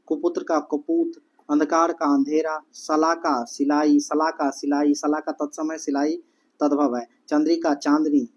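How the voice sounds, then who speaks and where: A man teaching an exam-prep Hindi grammar lesson, repeating letters and answers slowly for students. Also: fairly high pitch, little pitch movement. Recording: dull lo-fi audio.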